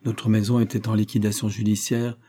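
Male audiobook narrator: low pitch, dark timbre, measured storytelling delivery. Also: level tone. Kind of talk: scripted narration of a novel.

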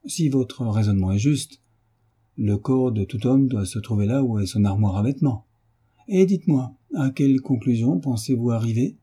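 A man voicing a calm, ironic detective in an audiobook reading, with a dry, teasing manner. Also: medium pitch, moderate pace, husky, voice pushed up, close to an everyday voice.

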